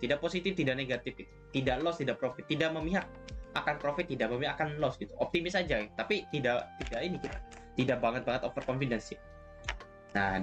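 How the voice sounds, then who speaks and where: A man's voice: fairly high pitch, a bit bright. A man mentoring trading students in a casual, chatty lesson, often tagging his sentences with little checks for agreement. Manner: chatty, repeats "ya kan" and "gitu" often.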